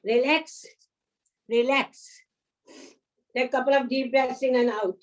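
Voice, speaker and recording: A woman leading a yoga class, giving gentle, unhurried instructions, counting holds and offering encouragement. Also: high-pitched, fairly even intonation. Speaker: yoga teacher. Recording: voice from a distance off the mic.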